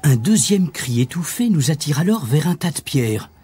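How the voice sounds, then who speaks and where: A man reading a children's story aloud as narrator, in an expressive, animated way. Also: on the high side, moderate pace, husky.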